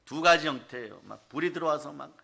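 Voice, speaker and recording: A man's voice: a little high, expressive, fairly quick, gravelly, background noise. A male pastor preaching a sermon, emphatic and repeatedly calling out to the congregation, slipping into acted asides as he tells stories.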